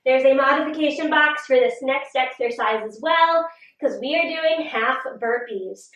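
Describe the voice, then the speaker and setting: A breathless fitness instructor coaches a workout video, her high-pitched, fairly bright voice moving at a moderate pace. She encourages throughout, with breathy exclamations between cues. The lo-fi recording has a roomy echo from a distant mic.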